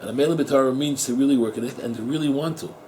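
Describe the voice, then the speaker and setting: Rabbi in middle age, relaxed warm tone, chatty talk to students with Hebrew terms mixed in. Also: male voice, mid-range voice, rapid-fire, slight background noise, low-quality recording. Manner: conversational, repeats words, asks the listeners rhetorical questions; mixes Hebrew and Yiddish terms into English. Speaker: rabbi teaching at a yeshiva. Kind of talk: informal Torah talk to students.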